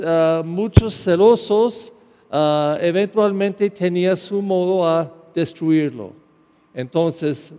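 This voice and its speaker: Slow-preaching priest with a high voice. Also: male voice, a little mellow, big-room sound. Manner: slow, halting delivery with restarts and fillers. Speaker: pastor. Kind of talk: Sunday homily.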